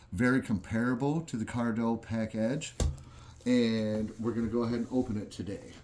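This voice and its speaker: A man with a lowish, slightly mellow voice hosts a vlog, giving a casual, plain-spoken product review in a conversational way. The room is roomy and echoing.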